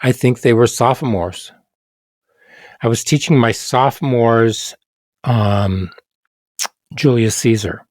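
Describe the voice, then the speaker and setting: A man's voice: mid-range voice, takes it slowly, pauses often, a little mellow, no room sound, studio quality. An older man, a longtime teacher, telling a classroom anecdote in casual chat and acting out the exchanges.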